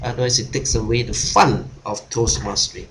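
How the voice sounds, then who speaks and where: A man's voice: mid-range voice, fairly even intonation, brisk, a bit bright, a little hiss or hum. A man coaching a group over a video call, repeating his points and tagging them with "huh?". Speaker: speaker and coach. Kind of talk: online workshop talk.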